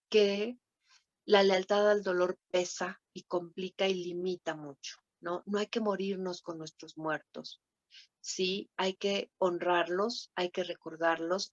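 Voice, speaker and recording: A woman's voice: fairly low pitch, no echo. Woman lecturer with a Mexican accent. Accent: Mexican Spanish. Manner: warm teaching tone with frequent tag questions. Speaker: thanatology lecturer. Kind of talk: conference talk. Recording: dull lo-fi sound, dry room.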